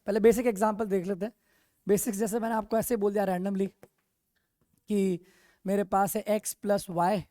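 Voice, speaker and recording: Male coaching-class math teacher, animated, quizzing the room, dry close sound. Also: sits high, no room sound. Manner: animated, peppered with rhetorical questions. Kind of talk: classroom lecture. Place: classroom with online students.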